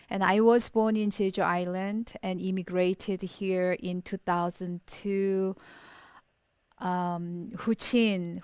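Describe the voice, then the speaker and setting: A woman from South Korea with a Korean accent, a guest artist on a video call, speaking in a slow, measured, reverent way before a song. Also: medium pitch, clean tone, no echo. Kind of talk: spoken introduction before a song. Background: faint guitar.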